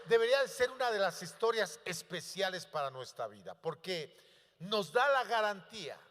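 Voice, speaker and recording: A pastor with a high, bright male voice delivers a sermon in a church, climbing to loud, emphatic peaks and frequently putting questions to the congregation. The hall gives his voice a long reverb.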